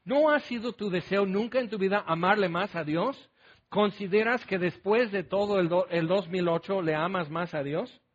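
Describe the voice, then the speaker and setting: A man delivers a sermon in a notably high voice, talking to his listeners as if in conversation. He keeps asking rhetorical questions and playfully voicing their objections. The sound is dull and lo-fi, as from a radio broadcast. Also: normal speed. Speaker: preacher.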